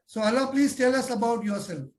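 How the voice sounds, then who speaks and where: A man's voice: very high voice, fairly quick, low-quality recording. A man hosting a talk show, introducing and questioning a guest in a friendly, effusive way with "you know" fillers. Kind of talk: interviewing a guest.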